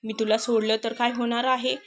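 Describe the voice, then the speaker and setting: A woman's voice: on the high side, little pitch movement, a little fast, a little hiss or hum, natural voice. A woman voicing a teasing young male boss. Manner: playful, pushy, chatty. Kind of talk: storybook narration.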